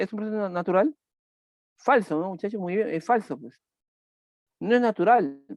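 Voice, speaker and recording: A man's voice: high-pitched, a little mellow, no echo. A man teaching a chemistry class online, repeating key points and asking students questions as he goes.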